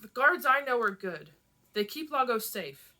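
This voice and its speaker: An earnest young prince defends his father and pleads to be understood, voiced by a woman with little change to her own voice. The tone is bright and insistent. It is a plain read-aloud of a novel. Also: fairly high pitch, animated, measured pace, voice pushed up.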